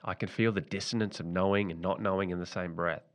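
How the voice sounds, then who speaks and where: A man reading a scripted, reflective personal essay as a podcast host, measured and deliberate, slowing down for emphasis. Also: low-pitched, fairly even intonation.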